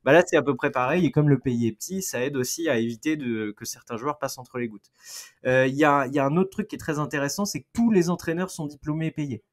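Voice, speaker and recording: A man in his thirties with a French accent, presenting a lively, joking football chronicle on a podcast and backing it with figures. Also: a little high, quick pace. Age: 30s. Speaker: football columnist.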